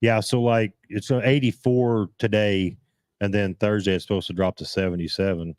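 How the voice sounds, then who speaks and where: A man hosting a casual live-stream chat, rambling and halting as he restarts his sentences. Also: on the low side, steady tone, a little mellow, clear, resonant tone, no echo, clean studio sound. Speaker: host.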